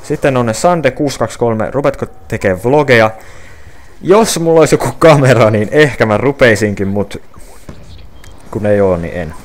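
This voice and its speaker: Young male gaming creator, halting casual delivery, mid pitch. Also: expressive. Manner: hesitant, many fillers and restarts. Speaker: gaming channel creator answering viewer questions. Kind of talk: casual Q&A reading questions aloud. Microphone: reading from a phone.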